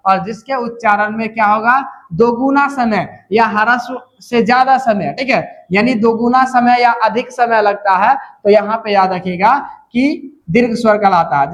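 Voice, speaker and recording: A man teaching a Hindi grammar lesson, repeating key terms slowly and checking in often with the class. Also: high-pitched. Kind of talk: classroom lecture.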